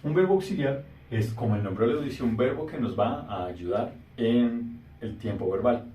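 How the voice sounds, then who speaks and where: A man with a mellow, relaxed voice gives a patient grammar lesson and draws out key words slowly. He sounds a little distant from the mic, and the room around him is echoey. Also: mid-range voice. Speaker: English teacher.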